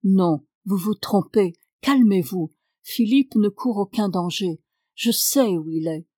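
Une lectrice faisant un homme calme et grave. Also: female voice, mid-range voice, dry recording, studio quality, natural voice. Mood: compassionate. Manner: soft, measured, compassionate. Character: calm, authoritative man, gentle seer. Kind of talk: audiobook reading.

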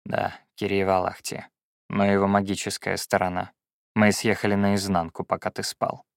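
A man doing a low, deadpan aloof sorcerer. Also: moderate pace, creaky, no echo, studio quality. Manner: flat, deadpan, quiet. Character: aloof young male sorcerer, unflappable. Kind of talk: audiobook character voice.

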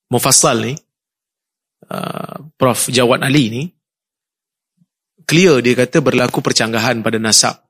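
A man co-presenting in a scholarly discussion, measured and firm as he repeats points for emphasis. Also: medium pitch, fairly bright tone. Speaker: co-presenter at an academic review.

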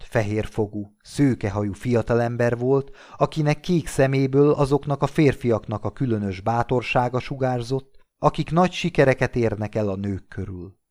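A man reading classic literary fiction aloud, narrating in a measured, steady way. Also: medium pitch. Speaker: audiobook reader.

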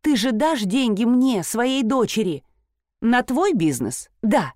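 A woman's voice: fairly high pitch, sing-song, slow pace, a little mellow, dry recording, clean studio sound, voice pushed up. A woman voicing a frustrated grown daughter, an artist who squeals and pleads in a tense, strained voice. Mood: pleading.

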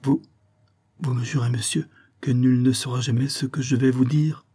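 A man's voice: medium pitch, steady tone, normal speed, dark tone, slightly rough, pitched above the performer's own voice, natural voice. A man reading aloud, voicing an anxious young woman who earnestly pleads for her fiancé. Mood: earnest pleading.

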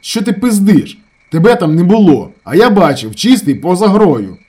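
A man voicing a hot-tempered young man who shouts coarsely and argues with his brother. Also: sits high, sing-song, moderate pace, breathy edge, pitched above the performer's own voice, exaggerated voice. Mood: angry shouting.

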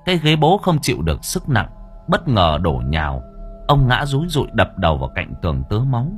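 A man narrating a horror story aloud with expressive, shifting delivery. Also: medium pitch, fairly quick, soft background music. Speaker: audiobook narrator.

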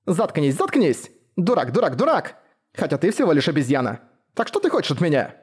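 A man voicing a proud, fiery young woman warlord who scolds and shouts insults. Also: on the high side, huge pitch swings, fast, breathy edge, heavily acted. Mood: furious. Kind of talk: audiobook character voice.

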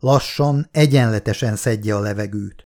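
A man's voice: on the low side, a little mellow, close to an everyday voice. A man voicing a determined young woman explorer in an audiobook, speaking firmly and steadily. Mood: calming. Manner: firm, steadying.

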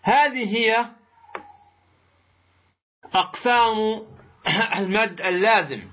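A man teaching a tajweed lesson, explaining slowly and deliberately, pausing to pose rhetorical questions to his students. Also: high voice. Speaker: Quran recitation teacher. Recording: muffled lo-fi recording.

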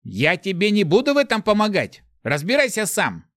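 A man's voice: sits high, huge pitch swings, normal speed, no room sound, clean studio sound, pitched above the performer's own voice, full character voice. A man voicing a grumpy, dismissive companion heard as a voice inside the hero's head. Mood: unkind. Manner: sharp, dismissive.

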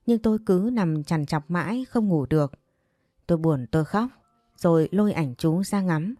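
A woman's voice: lowish voice, moderate pace, mellow, no echo, studio quality, soft background music. A woman narrating a romance story in the first person, in an intimate, confiding way.

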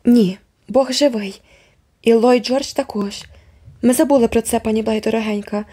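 A woman's voice: on the high side, steady tone, normal speed, mellow, close to an everyday voice. A woman reading the part of a stubborn older housekeeper, speaking firmly and emphatically in a storybook reading. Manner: firm, emphatic.

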